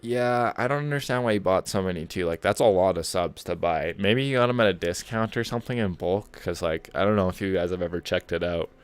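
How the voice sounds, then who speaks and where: Deep-voiced man chatting on a game stream. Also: brisk, few pauses, clean tone. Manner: rambling, chatty, laid-back. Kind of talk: casual gaming stream chat.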